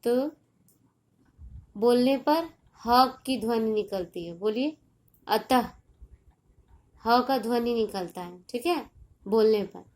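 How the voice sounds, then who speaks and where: A patient woman teacher from India speaks in a fairly high voice. She explains each point very slowly and deliberately, repeating herself and checking again and again that her young pupils follow. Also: expressive. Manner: slow, deliberate explaining with frequent checks for understanding. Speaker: primary school teacher. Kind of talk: recorded online class lesson.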